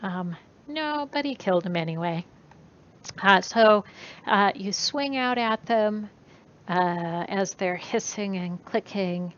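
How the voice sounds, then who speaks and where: Relaxed woman running a tabletop game. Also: mid-range voice, slow. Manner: relaxed, guiding players with fillers. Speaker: game master. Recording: dull lo-fi voice chat with faint noise.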